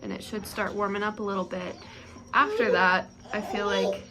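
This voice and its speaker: A woman's voice: medium pitch, steady tone, moderate pace, very noisy. A young woman, a stay-at-home mom, chatting casually through her day's chores in a home vlog. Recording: music playing under the voice.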